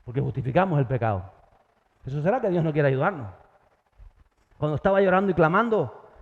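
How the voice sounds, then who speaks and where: Pastor preaching in a ringing hall. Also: male voice. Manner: acts out dialogue with sudden pitch jumps. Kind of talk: sermon. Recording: dull sound, long church reverb.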